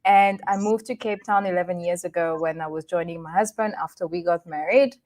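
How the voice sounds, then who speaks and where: A woman's voice: on the low side, steady tone, brisk, darkish tone. Interview guest: woman from Rwanda, 30s, bubbly and chatty, lots of laughter and restarts. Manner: cheerful, laughs often, many restarts. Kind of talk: casual interview chat.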